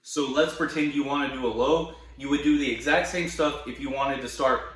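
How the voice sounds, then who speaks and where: A man's voice: medium pitch, fairly quick, fairly bright tone. A man teaching a vocal technique in a casual, plain-spoken explanatory way with informal slang. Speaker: vocal tutorial instructor. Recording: very echoey room.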